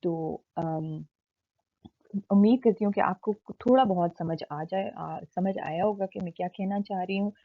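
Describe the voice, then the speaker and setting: Slow, husky-voiced woman teaching German. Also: medium pitch. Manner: patient, explains step by step with frequent "um"; mixes in English words. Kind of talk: language lesson explanation. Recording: tinny phone-like sound.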